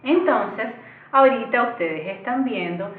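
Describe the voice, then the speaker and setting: A woman's voice: fairly high pitch, lively intonation, measured pace, slight background noise. A woman teaching an online lesson, explaining step by step in a patient way and speaking directly to her viewers. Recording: echoey room, tinny phone-like sound.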